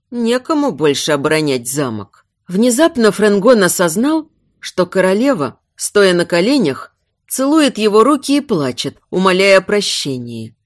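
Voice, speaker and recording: A woman narrating a scripted audiobook in an expressive, measured reading. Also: medium pitch, no echo, studio quality.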